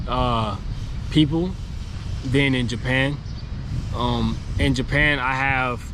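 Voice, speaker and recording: Here a male travel vlogger with a mid-range voice, who is losing his voice, chats loosely to camera, rambling with plenty of fillers. He's on a city street near construction, and passing traffic makes the recording noisy.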